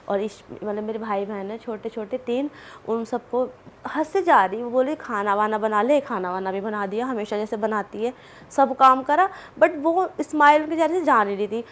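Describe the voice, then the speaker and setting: Chatty woman guest with a slightly high voice, telling a story in a loose, animated way. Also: moderate pace. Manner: chatty, animated, full of asides and fillers. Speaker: podcast guest. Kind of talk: casual storytelling.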